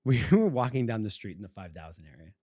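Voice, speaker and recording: A man's voice: fairly low pitch, very animated, fast talker, warm tone, dry recording, clean studio sound. A man co-hosting a podcast, telling a childhood story casually and breaking into fits of giggling. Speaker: podcast co-host.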